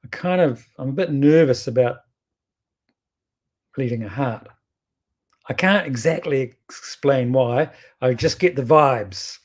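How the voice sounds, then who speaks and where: A man's voice: medium pitch, unhurried, pauses often. A man with a strong New Zealand accent gives casual game commentary, thinking aloud in an informal, rambling way and often correcting himself. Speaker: bridge player presenting his own videos.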